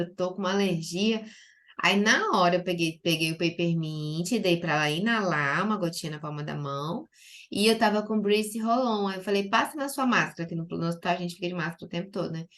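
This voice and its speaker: A Brazilian woman, a doctor, giving a chatty live-stream talk to her chat, with lots of fillers and fond little words. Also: low-pitched. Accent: Brazilian Portuguese. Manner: chatty and lively, with many diminutives and filler "né".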